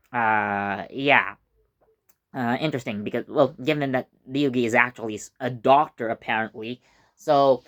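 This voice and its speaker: A man's voice: medium pitch, a bit bright. A man talks through a TV episode on his own channel, loose and conversational. He rambles and circles back, with plenty of fillers along the way. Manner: chatty and rambling, with many fillers and self-corrections. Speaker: YouTube channel host reviewing a TV episode. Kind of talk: casual video review.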